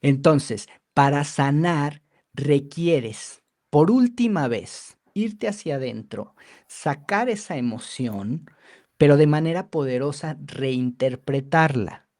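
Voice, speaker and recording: In a conversational interview, a biodecoding therapist talks emphatically, repeating phrases for stress and mockingly acting out his clients' voices. His voice is a little high and a bit mellow, and he speaks slowly. The recording is dry and studio quality.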